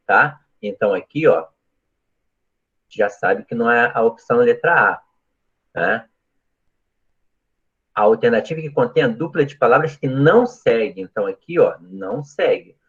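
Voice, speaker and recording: A man teaching a live grammar class, talking students through each point and checking often that they follow. His voice is husky and sits at an everyday middle pitch. The stream audio sounds dull and lo-fi. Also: animated, normal speed. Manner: explanatory, asks frequent checking questions. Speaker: Portuguese teacher. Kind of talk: live online grammar lesson.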